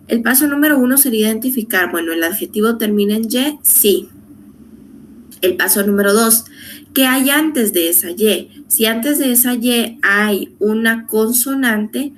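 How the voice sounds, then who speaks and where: Female teacher, mid pitch, patient and methodical, faint hiss behind. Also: fairly bright tone. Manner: patient, repeats rules step by step, asks rhetorical questions. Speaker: English teacher. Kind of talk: online grammar lesson.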